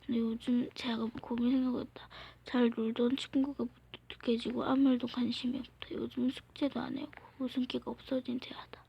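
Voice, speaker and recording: A woman gaming creator reading a game's story aloud at home, voicing the characters herself and often slipping into soft whispers. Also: on the high side, flat delivery, brisk, vocal fry, few pauses, slight background noise. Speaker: gaming YouTuber. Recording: dull lo-fi recording.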